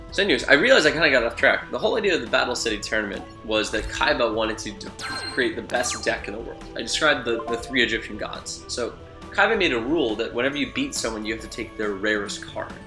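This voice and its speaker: A young man hosting a game playthrough, commenting in an excitable way with swearing and laughs. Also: mid-range voice, a little fast, roomy sound, over music. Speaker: let's play host. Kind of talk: gameplay commentary.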